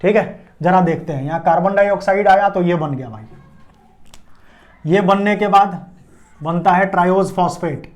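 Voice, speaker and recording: High-voiced man teaching biology at a board. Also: normal speed, pauses often. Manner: asks and answers his own questions, checking understanding. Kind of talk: classroom lecture at a board.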